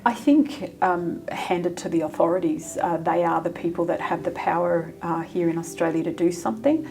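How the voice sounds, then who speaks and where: Woman, gravelly, mellow tone, thoughtful, hesitant. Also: lowish voice, moderate pace, slight background noise. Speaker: interviewee, anti-trafficking advocate. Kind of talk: interview.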